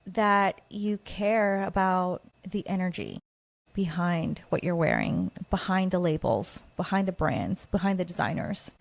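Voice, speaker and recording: A woman from Guatemala speaks alone into a close podcast mic, earnest and reflective as she opens up about her own life. Her voice sits at an ordinary middle pitch. The sound is dry, with no room echo. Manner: earnest, reflective, openly personal. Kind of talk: personal solo monologue.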